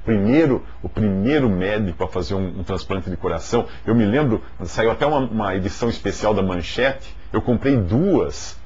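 A man in his forties from Brazil, giving a lively, joking talk to an audience in a studio on a lapel mic. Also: lowish voice, normal speed, few pauses, slightly rough. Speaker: speaker. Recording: dull lo-fi video sound.

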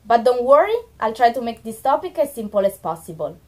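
A woman with an Italian accent teaching a language lesson, saying example words slowly and clearly, with a friendly, encouraging manner. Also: a little high, big pitch swings.

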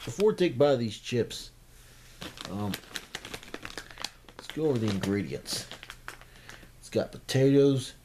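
A young adult man giving a casual, low-key food review in a halting, hesitant way. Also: animated, dark tone. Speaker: snack reviewer. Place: small room at home, indoors. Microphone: camera at about arm's length. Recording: faint background noise, amateur camera.

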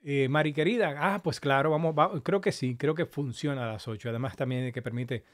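A man hosting a casual live stream, a little hoarse from long talking, greeting viewers affectionately by name. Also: mid-range voice, a little fast. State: slightly hoarse after an hour of talking.

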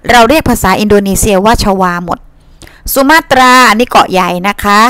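A woman's voice: mid-range voice, animated, a little fast, pushed and bright, no echo. A woman teacher giving a reading lesson in a chatty way, asking her pupils questions and answering them herself. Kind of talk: reading-comprehension lesson to students.

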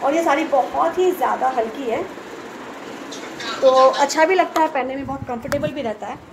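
A woman with a Bengali accent vlogging casually at home, talking fast and chatty with many fillers. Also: high-pitched, background noise. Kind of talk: casual vlog to camera. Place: at home, hot room with fan running.

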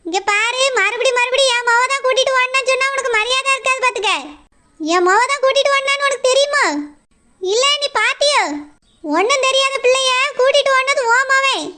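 A middle-aged woman with a Kanyakumari Tamil accent plays the proud village mother of a runaway girl, sternly warning and indignantly arguing back in her daughter's defense. Her voice is very high, brisk, and sharp, with a little hiss or hum in the recording.

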